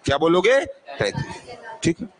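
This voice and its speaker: A man's voice: high-pitched, lively intonation, slow pace, fairly bright tone. A man teaching a classroom grammar lesson, asking questions and answering them himself, repeating sounds to demonstrate them.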